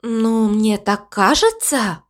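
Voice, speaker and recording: A woman voicing a gentle, curious mother cow in a storybook reading, wondering and soft-hearted. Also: on the high side, sing-song, takes it slowly.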